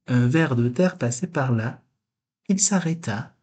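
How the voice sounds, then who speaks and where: A man reading a children's storybook aloud in a slow, gentle storytelling manner. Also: mid-range voice, lively intonation, slightly rough. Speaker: storybook reader.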